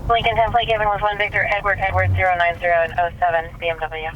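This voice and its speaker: A man's voice: high voice, little pitch movement, fast, far from the mic. A man dispatching calls over a police radio, clipped and procedural, reading out plates in phonetic letters. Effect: police radio transmission. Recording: muffled police radio with loud siren and traffic noise.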